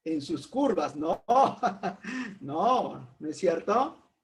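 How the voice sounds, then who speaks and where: A man teaches a philosophy class. He talks at an unhurried pace, calls on his students by name, tosses out rhetorical questions and jokes with them. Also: sits high, big pitch swings. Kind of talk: informal class lecture.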